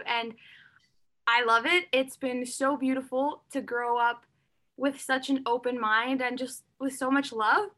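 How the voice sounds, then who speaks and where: High-voiced and sharp in tone, a young singer-songwriter talks openly and earnestly in an interview conversation. She frequently drops in "like" and "you know."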